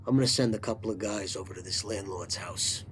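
A grave, childish mob boss played by a man in a mafia comedy sketch. His voice sits low and he talks with solemn, deliberate, godfatherly weight. Faint music plays behind him. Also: close to an everyday voice. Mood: grave, calm. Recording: music playing under the voice.

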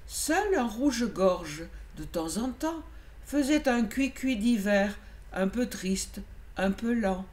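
Slow, expressive woman reading a storybook. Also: fairly high pitch. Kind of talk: reading a children's picture book aloud.

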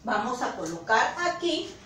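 Peruvian teacher lady, high lively voice, slow and encouraging, echoey room and a bit far from the mic. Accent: Peruvian Spanish. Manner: slow, encouraging, repeats children's answers. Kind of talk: children's phonics lesson.

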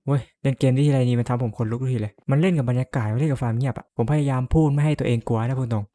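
A man's voice: medium pitch, steady tone, racing, warm tone, no room sound. A man playing a horror game and commenting as he goes, jumpy, cursing and laughing nervously. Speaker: gamer.

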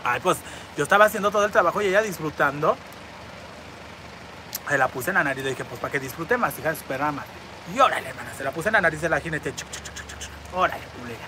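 Her voice sits low, animated and quick, against a noisy background. She's a woman with a Mexican Spanish accent streaming live from a city street on her phone, reading viewer comments out loud and answering with crude, brassy, campy, foul-mouthed banter.

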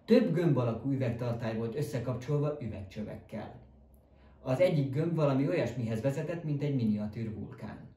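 A man narrates a children's story calmly and evenly in a dark, mellow voice. The recording sounds roomy, as if made at home with the mic some way off. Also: medium pitch, recorded from a distance. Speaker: audiobook narrator. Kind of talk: scripted narration.

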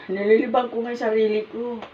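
An older woman with a Filipino accent, telling a personal story in a rambling, halting way, often searching for words. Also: fairly high pitch, flat delivery. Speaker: mother telling her story. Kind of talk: casual storytelling. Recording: muffled, distant, with background noise.

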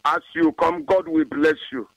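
Preacherly man, fairly high voice. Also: little pitch movement, normal speed, no room sound, low-quality recording. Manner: preacherly, exhorting. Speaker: community leader making an announcement. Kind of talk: prayer and radio announcement.

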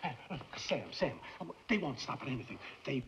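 A man's voice: medium pitch, lively intonation, normal speed, a bit bright, slight background noise. A man playing a frightened, guilt-ridden scientist who stammers and pleads, in 1950s film noir acting. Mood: anxious, pleading. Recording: muffled 1950s film soundtrack.

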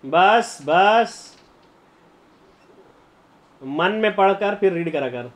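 A young man streaming a game live, chatting to viewers and breaking into excited shouts and laughter. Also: high-pitched, drawn-out words. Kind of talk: live gameplay commentary.

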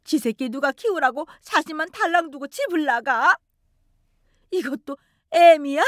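A woman voicing an older mother-in-law who scolds and wails in a shrill, high voice. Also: expressive, unhurried, fairly bright tone, no room sound, studio quality. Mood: wailing.

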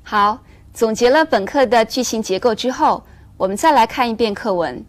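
Woman teaching English in a clear, measured voice. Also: fairly high pitch. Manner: clear, measured explanation, slowing down for English examples. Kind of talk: recorded English lesson for Chinese learners.

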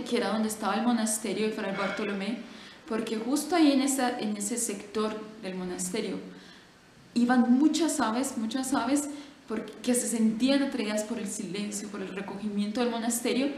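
Animated woman storyteller, echoey room. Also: fairly high pitch. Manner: lively, animated, conversational with fillers. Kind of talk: casual storytelling. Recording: echoey room with faint noise.

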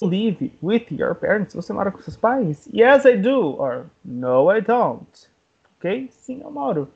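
Slow, husky-voiced Brazilian male teacher. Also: sits high, highs cut off. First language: Portuguese. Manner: slow, deliberate, repeats each phrase. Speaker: English teacher. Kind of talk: bilingual language lesson.

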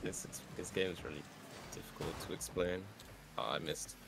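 A man with a very low voice chats with friends during an online game, laid-back and patient as he explains how it works. His voice has a gravelly fry to it. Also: fairly even intonation, normal speed, a bit bright, slight background noise. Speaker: gaming teammate. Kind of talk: casual gaming chat.

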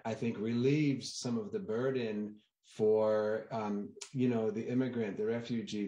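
A man's voice: medium pitch, darkish tone. A man in his thirties, a documentary guest, speaking earnestly and reflectively on a video call from a room lined with bookshelves. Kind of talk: remote TV interview. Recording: roomy echoey video call.

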